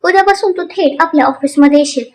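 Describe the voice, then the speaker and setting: A stern older patriarch, read by a woman narrator in a storybook serial. He speaks gravely and firmly, each decision final, in a high, clear voice. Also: a little hiss or hum. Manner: firm, measured, grave. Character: stern dignified older man, family patriarch.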